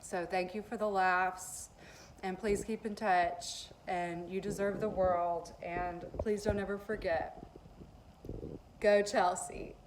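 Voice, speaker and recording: A woman teacher speaks slowly and emotionally to her graduating students. Her pitch barely moves, and a faint background hiss sits under her voice. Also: steady tone, low-quality recording. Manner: slow, heartfelt, emotional. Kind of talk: recorded graduation message.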